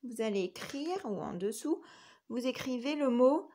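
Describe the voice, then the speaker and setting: Speaking at a normal speed, a woman with a slightly high, expressive and warm voice leads a recorded spelling lesson. She is a kindergarten teacher, patiently sounding out letters and syllables for young kids.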